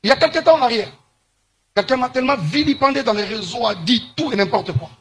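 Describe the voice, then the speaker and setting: A man from Congo giving an emphatic, preachy monologue that slows down to stress his points. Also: extremely high pitch, lively intonation, a bit bright, husky. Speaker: commentator. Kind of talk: monologue to camera.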